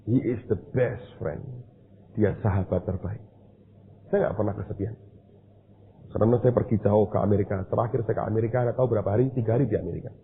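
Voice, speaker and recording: A male Indonesian pastor telling a story in a sermon, acting out the voices in it with animated storytelling. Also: on the low side, fast talker, pauses often, slight background noise. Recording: husky phone-like sermon recording.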